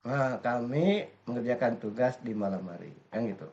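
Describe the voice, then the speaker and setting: Lively male English teacher, muffled sound. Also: medium pitch, moderate pace. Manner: explains step by step, often quizzing the class. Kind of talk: classroom grammar lesson. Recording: dull lo-fi recording.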